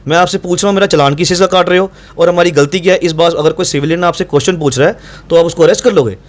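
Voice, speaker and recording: Guy talking super fast, kinda high voice, telling the story and doing both sides of the argument. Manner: fast, insistent, reenacts dialogue. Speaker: doctor recounting incident to reporter. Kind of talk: animated first-person account.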